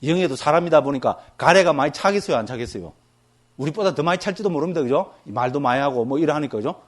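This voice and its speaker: A man with a somewhat high voice lectures on Buddhist teaching as a monk. He talks in a lively, vivid way and keeps asking his audience to agree after almost every phrase. His examples are graphic and full of sound words. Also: fast talker. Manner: lively, tags nearly every phrase with a check-in question to the listeners.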